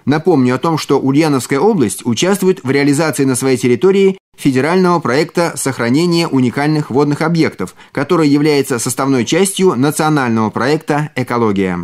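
A male journalist reading a regional news item in an even, formal manner. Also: fairly high pitch, brisk, hardly any pauses.

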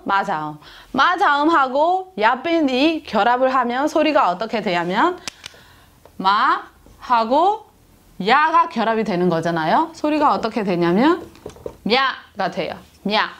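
A woman teaching a language lesson, repeating each syllable slowly for drilling. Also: sits high, very animated, a bit bright.

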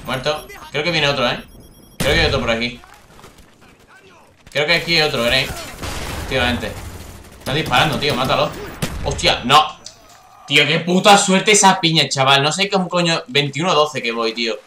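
A young man from Spain with a Castilian accent commentates live gameplay, swearing a lot and bursting into high yelps at kills and misses. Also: moderate pace, pauses often, echoey room, background noise. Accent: Castilian Spanish. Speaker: gaming youtuber.

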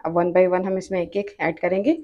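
A woman with a Pakistani Urdu accent hosting a cooking channel, calmly explaining each step of a recipe and repeating her tips. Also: on the low side, normal speed, muffled recording. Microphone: off-camera voice over hands-only cooking shots.

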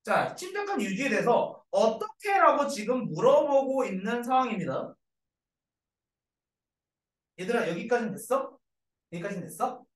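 Lively-voiced teacher in an echoey room. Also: mid-range voice, moderate pace, pauses often. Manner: keeps checking in with students and repeats each point. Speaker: English teacher for middle schoolers. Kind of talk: classroom grammar lecture. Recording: echoey room, mic far off.

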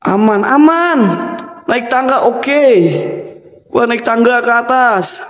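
A man's voice: very high-pitched, takes it slowly, a bit bright. A young man live-streaming as he explores an empty building, chatting casually with viewers, jumpy and easily startled, chanting summons between remarks. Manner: jumpy, startled outbursts and whispered invocations. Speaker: horror livestream explorer. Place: empty abandoned building indoors. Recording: echoey hall reverb.

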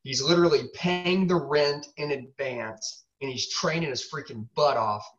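A man's voice: a little high, moderate pace, fairly bright tone, soft background music. A man speaking as a sales trainer and host, giving emphatic, punchy motivational coaching and repeating himself for effect. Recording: distant mic, dull lo-fi sound.

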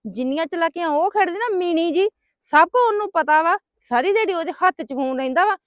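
A woman's voice: very high-pitched, lively intonation, a little fast, dry recording. A woman playing a hot-tempered young woman who scolds and rants in a family drama skit. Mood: angry scolding. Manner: sharp, scolding, ranting. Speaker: angry niece heading to confront her sister-in-law. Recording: dry, dull lo-fi sound.

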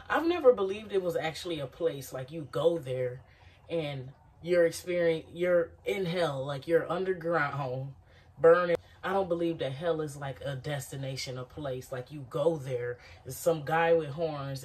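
A woman's voice: low-pitched, a little mellow, far from the mic. A woman in her thirties chatting to camera in a small home kitchen in a loose, reflective, rambling way. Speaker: vlogger. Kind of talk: casual chat to camera while cooking. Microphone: phone camera propped on counter.

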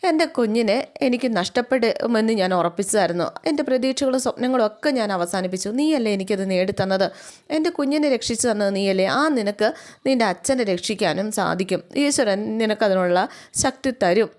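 A woman's voice: medium pitch, animated, brisk, darkish tone, natural voice. A woman voicing a kind older sister-in-law who comforts and reassures. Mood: consoling. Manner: soothing, reassuring.

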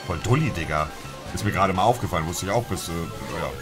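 A young man streams games to friends in a low, animated voice. He talks in loose slang and grumbles often, with game music behind him. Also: fast. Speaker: gaming streamer. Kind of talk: casual gameplay commentary with friends.

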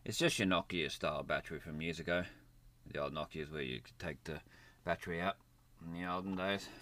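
A low-sitting male voice comes across bright and forceful, moving a little fast. The gadget reviewer works at an indoor desk beside a computer, demonstrating hands-on in a casual, unscripted, plain-spoken way.

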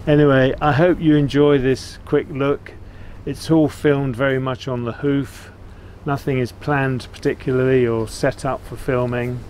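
A man's voice: medium pitch, level tone, unhurried, hardly any pauses, a little mellow. An older man with an English accent, chatting casually and plainly to camera as he hosts a vlog about his trip. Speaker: vlog host. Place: outdoors, seated beside a narrowboat. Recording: clear outdoor ambient noise.

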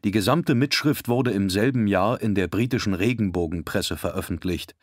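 A man reading an audiobook in a measured, serious, documentary-style narration. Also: on the low side, dry recording, clean studio sound.

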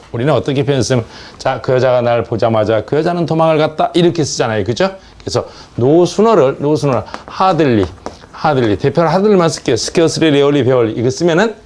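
Man, middle-aged, grammar lecture, Korean-accented English, slightly high voice, patient step-by-step explaining. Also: a little mellow. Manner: explains step by step, reading English phrases slowly between rapid Korean commentary. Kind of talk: lecture explaining test answers.

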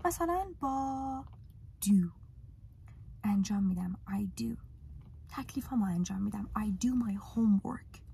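A lively woman with a Persian accent teaches an English lesson, coaxing and teasing her students as she goes. Her voice sits at an ordinary middle pitch. There is a faint hiss behind her. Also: gravelly, long pauses. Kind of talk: casual live lesson.

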